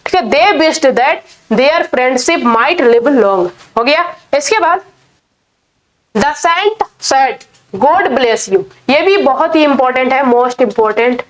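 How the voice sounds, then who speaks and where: A woman's voice: high voice, lively intonation. A woman teaching an English grammar lesson in Hindi, patiently repeating each rule. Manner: slow, patient, repeats key points.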